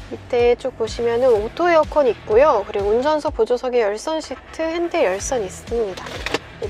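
With a voice on the high side but darkish in tone, a young adult woman gives a scripted car walkaround as a used car dealership presenter. She is methodical and polite, background music plays, and the setting shifts between a large indoor showroom, the car interior and a garage.

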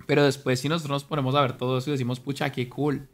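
A young man streaming, talking earnestly to his chat in an animated, preachy way. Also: mid-range voice, racing. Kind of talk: casual monologue to stream chat. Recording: faint music behind.

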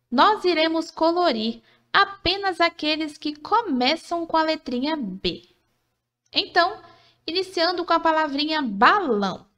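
Sounding out each syllable in turn, this woman leads children through a scripted reading lesson with patience and encouragement. Her voice is high and fairly bright, and she poses questions before supplying the answers.

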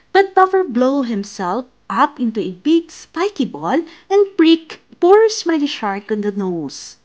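A woman narrating a bedtime story in a gentle, sing-song, expressive way. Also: on the high side.

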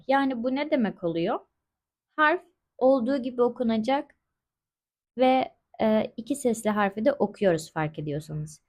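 A woman with a fairly high voice gives a French lesson at an unhurried pace. She explains each rule step by step and repeats every example word slowly and clearly. Her tone is patient and methodical. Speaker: French teacher. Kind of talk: slow explanatory language lesson.

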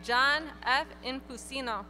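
Woman announcing names, high and bright. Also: faint music behind. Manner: clear, measured name announcing. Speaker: graduation name reader. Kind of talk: reading names at a graduation. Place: outdoor stadium ceremony over PA.

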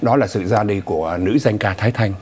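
Middle-aged male news host, low voice. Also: a little fast, darkish tone, husky. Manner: many hesitations and fillers, addresses viewers. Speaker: host of a news talk show. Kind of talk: studio news talk. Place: TV studio.

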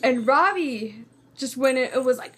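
Excitable high-voiced woman reacting. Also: normal speed, husky. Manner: excitable, chatty, full of fillers. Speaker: reaction video host. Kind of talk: casual reaction commentary. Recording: music video playing loudly behind. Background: loud music.

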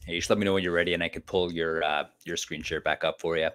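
A man's voice: deep voice, fairly even intonation, quick pace, fairly bright tone. A man co-hosting a crypto livestream over a video call, chatting and recapping the discussion for viewers. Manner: conversational, recaps and moderates the stream. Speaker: livestream co-host.

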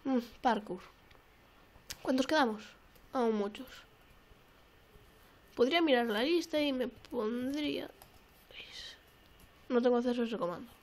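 Excitable high-voiced young woman gamer. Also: a little slow, long pauses. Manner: excitable, repeats phrases, swears often. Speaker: gaming YouTuber. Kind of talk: casual let's-play commentary.

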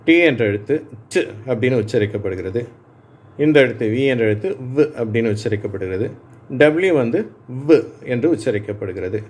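A man with a Tamil accent teaching English letter sounds, speaking slowly, repeating each sound and checking that his learners follow. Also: medium pitch, a little mellow. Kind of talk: patient classroom lesson.

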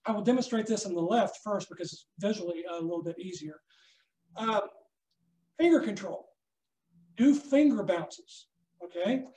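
A man teaching a snare drum masterclass, coaching a student hands-on and checking in often with a quick "okay?". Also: high-pitched, lively intonation, mellow. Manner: instructive, checks in with frequent "okay?". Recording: echoey room.

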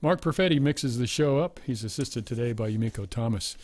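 A man hosting a live radio music show, reading credits and sponsor notes and chatting with a guest in a relaxed, laughing way. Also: medium pitch, brisk, a little hiss or hum. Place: radio studio.

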